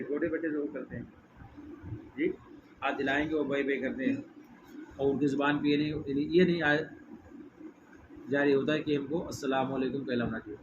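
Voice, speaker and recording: A middle-aged man, teaching a religious lesson in a hall. He keeps asking his listeners questions and has them repeat phrases back. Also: medium pitch. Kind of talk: religious lesson with call-and-response. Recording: muffled with steady background noise.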